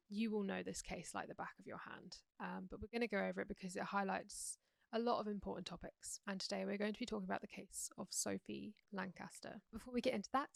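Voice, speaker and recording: Brief: young English woman, true crime host, gravelly croaky voice, close dry mic, earnest and chatty. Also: mid-range voice, no echo. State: sore throat, croaky. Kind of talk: casual true crime narration.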